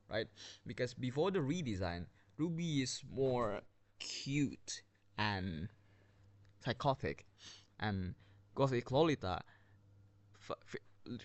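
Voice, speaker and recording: A medium-pitched man reviews video game skins in a loose, rambling way, starting over many times and getting out of breath. There's no echo, and he's using a built-in device mic without a headset, tucked under a blanket.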